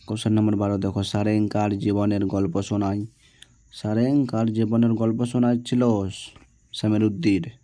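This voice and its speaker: A man's voice: lowish voice, warm tone, no echo. A man teaching, working through exam answers one by one and often checking with his students. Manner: reads each question, answers it, checks with "ঠিক আছে?".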